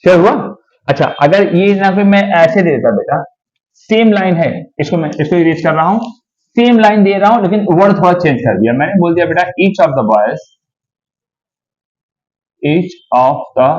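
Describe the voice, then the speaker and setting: Guy teaching grammar to a class, kinda high voice, keeps asking if they got it, dull lo-fi recording. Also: animated, a little mellow. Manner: coaxing, keeps checking if students understood; calls students beta, slows to dictate sentences. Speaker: English teacher.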